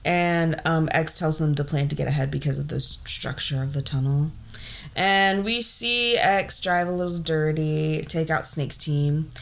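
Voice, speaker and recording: A woman's voice: low-pitched, measured pace, creaky. A woman co-hosting a casual podcast, recapping a film with lots of laughter and acted-out lines. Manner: animated, laughs often, acts out characters' lines. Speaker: podcast co-host.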